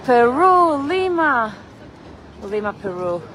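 A woman with a fairly high, slightly bright voice speaks slowly in a sing-song way while live-streaming on a city street. Holding her phone camera as she walks, she rambles casually and greets viewers by name. Behind her are traffic, street ambience and a faint crowd.

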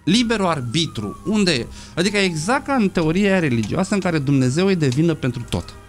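A man speaking as a sociologist guest in a casual radio chat, telling stories with lively acted-out quotes. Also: a little high, soft background music. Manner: animated storytelling, acts out quotes in raised voices.

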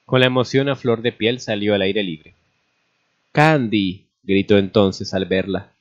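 A man's voice: fairly low pitch, moderate pace. A man narrating a fan story aloud, reading steadily and sometimes rereading a stumbled word. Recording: dull lo-fi recording.

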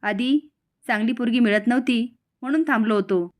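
A woman voicing an angry, scheming middle-aged mother who scolds her son in a shrill, raised voice. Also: moderate pace, fairly bright tone, close to an everyday voice. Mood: angry, scolding.

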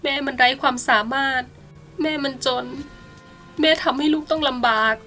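A woman's voice: high-pitched, fairly even intonation, moderate pace, fairly bright tone, faint music behind. A woman voicing a poor, desperate mother in a bedtime storybook, who begs and pleads through tears. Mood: distraught. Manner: begging, tearful, polite.

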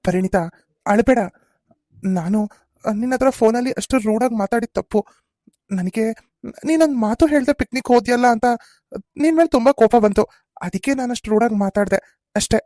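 A touchy young husband in a cartoon soap who argues back defensively, voiced by a woman in a fairly high tone. Close, dry recording. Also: a little fast, pauses often, mellow, no echo, natural voice. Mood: apologetic. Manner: defensive, arguing. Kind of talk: cartoon serial voice acting.

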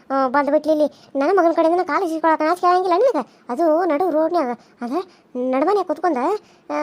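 A shrill, very high-voiced village mother-in-law, voiced by a woman in a cartoon serial. She scolds in sarcastic bursts with a North Karnataka accent. Her voice sits far above an ordinary woman's pitch. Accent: North Karnataka Kannada. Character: scolding rural mother-in-law, older woman, sharp-tongued.

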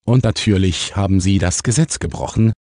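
A man's voice: low voice, normal speed, warm tone, dry recording, clean studio sound. A man voicing a friendly grown-up village policeman in an audiobook. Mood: easygoing.

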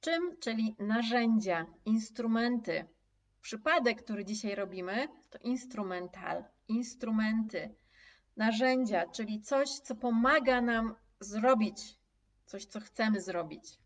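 Woman, language teacher, live lesson, slow deliberate delivery, repeats phrases, slightly distant mic. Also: on the high side, animated. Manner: slow, clear, repeats example phrases and reads viewers' comments.

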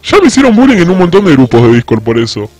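A young man, talking through a deep voice changer and flatly insisting it is his real voice. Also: fast talker, faint music behind. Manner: insists flatly, mock-innocent. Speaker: streamer pranking a voice chat. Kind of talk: deadpan prank on a voice call.

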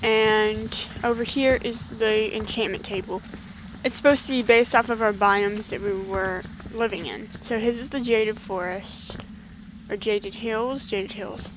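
A woman hosting casual gameplay commentary, chatty and excitable, talking to the creatures on screen. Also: medium pitch, a little slow, noisy background. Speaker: gaming channel host.

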